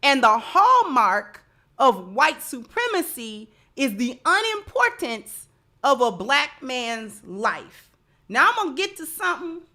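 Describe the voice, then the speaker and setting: A woman gives livestream commentary in a high, bright, forceful voice with a sing-song quality. She speaks slowly and deliberately to her viewers, leaning on repeated phrases for emphasis.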